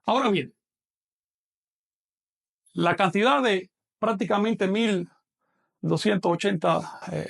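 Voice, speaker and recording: Gravelly man teaching an online class. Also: high-pitched, fairly bright tone. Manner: patient explaining, asks questions of the student.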